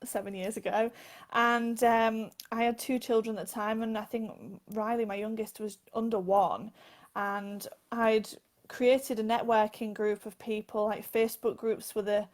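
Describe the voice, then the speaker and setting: A woman's voice: on the high side, flat delivery, unhurried. A woman, answering interview questions earnestly and laughing now and then. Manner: earnest, laughs between phrases. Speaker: guest, author and advocate.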